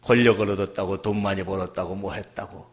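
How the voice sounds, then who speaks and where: A middle-aged man preaching a sermon as pastor, moving between quiet, almost whispered passages and loud, shouted exhortations. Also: deep voice, fairly even intonation, fast talker. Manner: swings between hushed murmurs and shouted exhortation.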